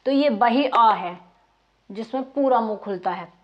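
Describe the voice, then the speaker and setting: Slow high-voiced woman teaching. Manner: repeats words slowly for note-taking, asks pupils questions. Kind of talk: slow dictation-style classroom lesson. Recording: muffled lo-fi recording.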